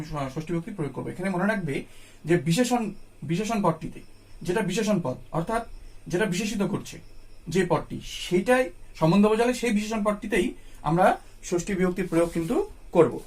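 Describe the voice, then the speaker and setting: A Sanskrit teacher with a Bengali accent gives a grammar lesson in a high, darkish voice. He patiently repeats each point and asks questions before answering them himself.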